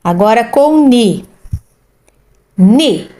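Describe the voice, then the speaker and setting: A woman's voice: on the high side, animated, drawn-out words, dark tone. A woman teaching reading to children, sounding out syllables and repeating each word twice, checking in often with "tá?". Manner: instructive, frequent "tá?" and "ó". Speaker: literacy teacher. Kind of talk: tutoring lesson, reading syllables aloud.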